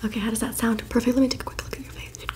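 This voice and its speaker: Young woman playing upbeat stylist gal, fast asmr whispered role-play, close up, kinda high voice, says little phrases over and over. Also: flat delivery, close to an everyday voice. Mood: welcoming, soothing. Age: 20s. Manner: fast ASMR delivery with repeated short phrases. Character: brisk, encouraging female makeup artist, photographer and spa worker. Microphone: close, facing the camera.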